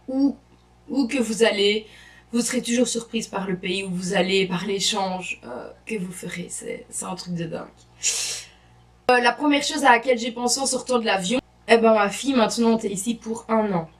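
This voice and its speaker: A woman's voice: fairly high pitch, fairly bright tone. A young woman, chatting enthusiastically to camera as an exchange student vlogger. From Belgium. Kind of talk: casual vlog to camera. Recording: voice a bit distant from the mic.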